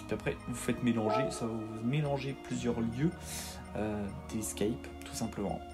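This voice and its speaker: A man's voice: medium pitch, fairly even intonation, normal speed, over loud music. A man giving a casual, hesitant voice-over tutorial for a video game, with many fillers and repeated words. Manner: self-deprecating. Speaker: gaming tutorial host.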